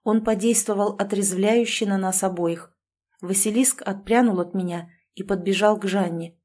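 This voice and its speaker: A woman narrating a story aloud in an even, measured reading. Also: medium pitch. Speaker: audiobook narrator.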